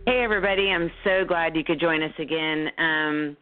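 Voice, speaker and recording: A woman's voice: deep voice, a little fast, faint music behind. A woman hosting an internet radio talk show, congested from a cold, with a nasal voice and a rambling manner full of ums. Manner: rambling with many ums and restarts. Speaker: host. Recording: tinny phone line.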